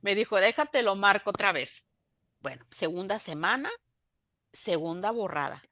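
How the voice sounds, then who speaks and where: A woman's voice: medium pitch, animated, normal speed, pushed and bright, a little hiss or hum. A woman, giving a faith testimony in an interview, telling her story by acting out both sides of the remembered conversations and turning emphatic when she preaches.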